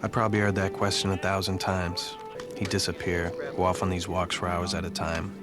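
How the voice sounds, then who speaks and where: War drama narrator, male actor, American soldier looking back, deep voice over score. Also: monotone, brisk, lightly acted. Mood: reflective, measured. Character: reflective American army sergeant recalling the war. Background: music.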